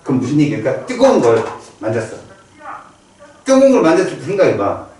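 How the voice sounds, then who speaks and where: A man teaching a biology class, lecturing in a lively, playful way and acting out little reactions for the students. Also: on the high side, a little fast. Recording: echoey room from far off.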